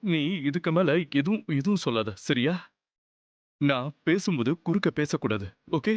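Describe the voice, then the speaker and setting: Brief: soft-spoken, hesitant fatherly man in a dubbed soap, with a score underneath. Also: on the high side, big pitch swings, moderate pace. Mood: caring. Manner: gentle, hesitant, protective. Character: caring fatherly man, awkward and regretful. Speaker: father figure in a dubbed serial. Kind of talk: dubbed TV serial drama. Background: background music.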